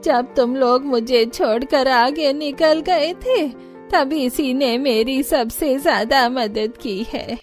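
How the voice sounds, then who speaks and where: A woman voicing a kindly older grandmother in a cartoon, speaking slowly and gently. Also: sits high, soft background music. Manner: slow, gentle and pleading. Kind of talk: cartoon voice acting.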